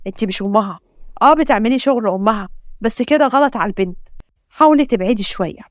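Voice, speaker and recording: A woman's voice: on the high side, fast talker, no echo, studio quality, close to an everyday voice. A woman with an Egyptian accent reading the lines of a firm, protective young father in a story. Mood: stern. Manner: firm and commanding.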